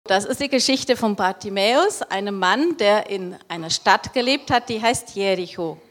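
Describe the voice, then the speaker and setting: A woman's voice: mid-range voice, moderate pace. A woman telling a Bible story to children, explaining as she goes and asking them questions. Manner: lively, explaining, asks the audience questions.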